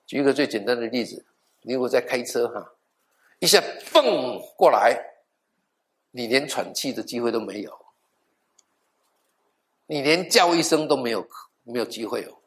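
A man's voice: mid-range voice, moderate pace, pauses often. Middle-aged pastor guy preaching, tells stories, plays out both sides of the talk, jokey asides, drops english words in. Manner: animated, acts out dialogue, half-joking asides. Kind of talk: sermon with storytelling.

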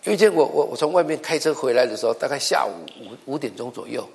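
A man's voice: mid-range voice, lively intonation, fast, gravelly. A middle-aged male pastor preaching a sermon, telling stories with acted-out dialogue and often repeating words as he goes. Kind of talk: sermon with storytelling.

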